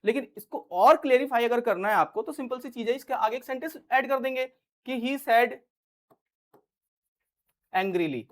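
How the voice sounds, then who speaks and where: Chatty अंदाज़ में पढ़ाता हिंदी शिक्षक. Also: male voice, extremely high pitch, brisk, a bit bright. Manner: chatty, repeats "ठीक है", acts out example lines in different tones. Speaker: English teacher. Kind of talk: casual Hindi grammar lesson.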